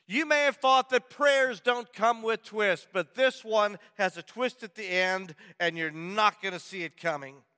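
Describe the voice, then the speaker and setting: A pastor preaching a sermon, telling a story playfully and building mock suspense. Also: male voice, sits high, a little slow, hardly any pauses, pushed and bright, clean tone. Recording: long hall reverb.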